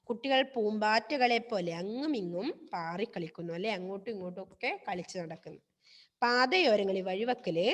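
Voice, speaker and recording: A woman teacher giving an online class. She retells a story, explains word meanings, and keeps checking with the class through tag questions. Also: medium pitch. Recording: long reverb.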